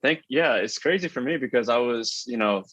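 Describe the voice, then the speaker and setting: A man speaking as a podcast guest over a video call through wireless earbuds, with muffled lo-fi audio, chatty and relaxed with many fillers. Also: mid-range voice, normal speed, crowd noise. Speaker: podcast guest, business owner. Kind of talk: casual conversation. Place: his taproom. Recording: dull lo-fi remote call line.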